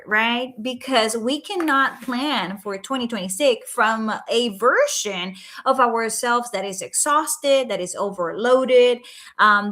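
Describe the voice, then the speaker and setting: This woman's voice sits a little high with a fairly bright tone. She's a Puerto Rican life coach, a native Spanish speaker with a Puerto Rican Spanish accent, chatting earnestly on a casual nighttime livestream from her home and dropping frequent "right?" and "um" fillers.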